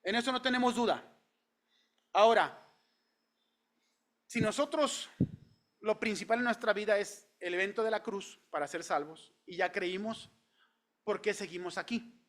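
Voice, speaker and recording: A man's voice: sits high, a little slow, pauses often, fairly bright tone. A man preaching a sermon in a church, talking conversationally and asking the congregation questions. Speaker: pastor.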